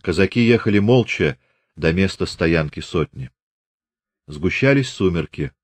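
Low, dry male audiobook narrator. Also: no echo. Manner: steady, measured reading. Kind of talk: scripted literary narration.

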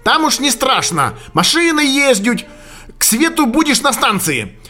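A man reading an audiobook and voicing a gruff, scolding old Siberian hunter who speaks in loud, folksy exclamations. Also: extremely high pitch, very animated, a little slow, soft background music, voice pushed up, heavily acted. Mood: scheming.

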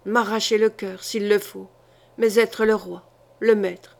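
A woman reading as a hoarse, raging medieval duke. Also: medium pitch, steady tone, unhurried, a little mellow. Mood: grim.

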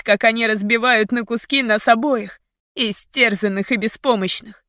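A woman's voice: medium pitch, dry recording, clean studio sound. A woman narrating a first-person audiobook in a tense, dramatic reading.

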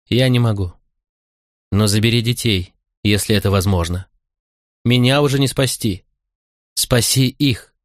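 Male narrator doing a pleading captive Roman noblewoman, urgent, lifted from a low voice, dry read. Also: unhurried, long pauses, no echo, natural voice.

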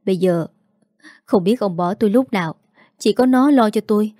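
Woman voicing a greedy scolding mother, rapid sharp delivery, dry close mic. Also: mid-range voice, no room sound, close to an everyday voice. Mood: angry scolding. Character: quarrelsome greedy middle-aged mother.

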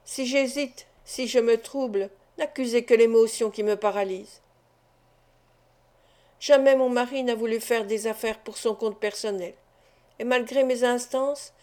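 A woman's voice: on the high side, dark tone, lightly acted. A woman voicing an anguished but resolute wife and mother making an earnest confession in an audiobook of a classic novel.

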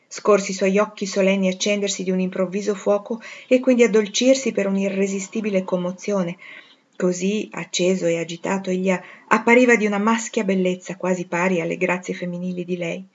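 A woman's voice: mid-range voice, level tone, brisk. Woman reading a classic novel aloud. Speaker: audiobook reader. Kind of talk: literary audiobook narration. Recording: dull lo-fi recording.

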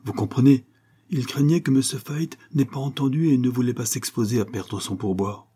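A man's voice: medium pitch, fairly even intonation, moderate pace, mellow, breathy edge, pitched above the performer's own voice, natural voice. A man voicing a dutiful male ship's purser who explains events matter-of-factly. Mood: reporting.

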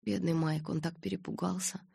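A queasy, stubborn teenage girl pleads and groans through her nausea, voiced by the woman reading. The voice is husky and lifts a little above the reader's low tone. It sounds dry. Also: steady tone, a little fast, mellow, no room sound, full character voice. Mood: pleading.

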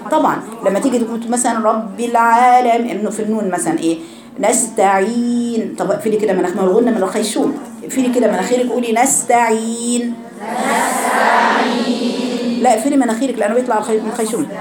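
A woman's voice: fairly high pitch, steady tone, a crowd in the background. Woman, egyptian accent, recitation teacher, repeats stretched sounds, echoey room, murmuring students. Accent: Egyptian Arabic. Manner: drills pronunciation by repeating drawn-out syllables. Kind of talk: classroom tajweed lesson.

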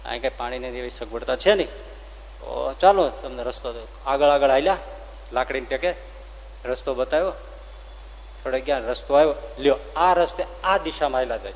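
A man, a swami, telling a devotional story in a sermon, animated and acting out the dialogue. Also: mid-range voice, fairly quick, a little hiss or hum. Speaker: swami giving a religious discourse. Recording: long hall reverb.

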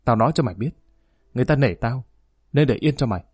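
A stern aging father lashes out at his son in a harsh, raised voice, as a male audiobook narrator reads him. The voice sits at a middle pitch. The recording is close and dry. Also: a little fast, no room sound, lightly acted. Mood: scolding. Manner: harsh, scolding, loud.

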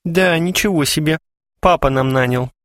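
A man's voice: on the high side, normal speed, a bit bright, no room sound, clean studio sound, pitched above the performer's own voice, natural voice. A man voicing a stiff, strict society lady with a mincing, affected politeness, reading an audiobook. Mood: prim. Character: aristocratic older woman, prim, stiff and strict. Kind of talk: audiobook character voice.

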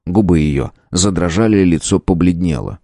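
A man narrating an audiobook in an expressive storytelling manner. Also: low-pitched, normal speed, no room sound, clean studio sound.

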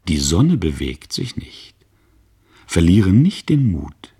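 A man's voice: low-pitched, very animated, slow, dark tone, breathy edge, full character voice. A man voicing a kindly older philosopher who speaks tenderly and reassuringly. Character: kindly older male philosopher, gentle and encouraging.

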